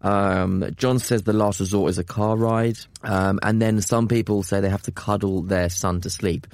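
A man's voice: lowish voice, fairly even intonation, normal speed, a little mellow, dry recording. A British man chatting casually and wryly as a podcast co-host. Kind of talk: casual chat.

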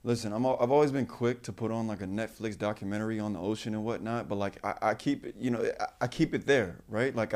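Fast-talking animated man. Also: fairly low pitch. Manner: quick, animated, emphatic. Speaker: podcast host. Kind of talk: casual chat.

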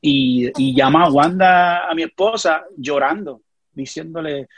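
A middle-aged man with a Puerto Rican accent speaks in a husky, fairly high voice, recorded close and dry. He talks as a guest in casual conversation, telling a personal story earnestly and keeps checking that the listener follows. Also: a little slow, fairly bright tone, no room sound. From Puerto Rico.

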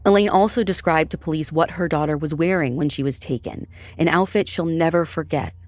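Woman host reading a true crime script, deep voice, bit dramatic, soft music behind. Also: no echo. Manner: measured, dramatic storytelling delivery. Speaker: podcast host and narrator.

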